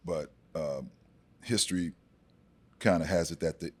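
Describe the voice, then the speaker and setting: A man's voice: low-pitched, unhurried, breathy edge. A man in his forties, a podcast guest, speaking in an easygoing way and often repeating and stumbling over his words. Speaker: brand ambassador guest. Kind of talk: casual conversation.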